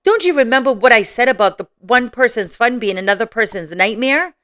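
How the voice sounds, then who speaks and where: A patient mother bear from a picture book who gently scolds her family, as a woman reads her. Her voice is bright and smooth and moves about lively in pitch. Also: brisk. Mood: reproachful. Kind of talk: storybook read-aloud voice.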